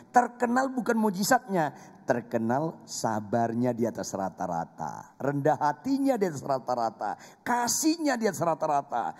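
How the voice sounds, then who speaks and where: A man's voice: fairly high pitch, a little mellow. A man with an Indonesian accent, a pastor preaching an emphatic, humorous sermon that repeats phrases for effect. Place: church. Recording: long reverb of a church hall.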